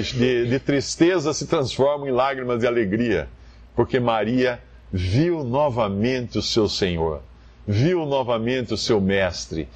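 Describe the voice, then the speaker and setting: Um homem com sotaque brasileiro dando um estudo bíblico, lendo as escrituras em voz alta com emoção. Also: male voice, medium pitch. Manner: expressive, reads scripture aloud with feeling. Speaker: Bible teacher. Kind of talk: Bible teaching talk.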